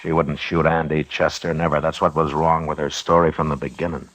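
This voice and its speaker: An actor playing a stern, world-weary middle-aged American frontier marshal, terse and grave, in a 1950s radio western. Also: male voice, a bass voice, little pitch movement, fairly quick, a bit bright. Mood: calm, firm.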